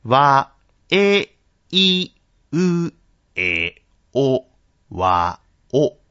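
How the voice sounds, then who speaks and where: A man's voice: mid-range voice, big pitch swings, extremely slow, bright, forceful tone, clean tone, no echo, muffled recording. A man leading a pronunciation drill as a teacher, carefully enunciating each syllable one at a time.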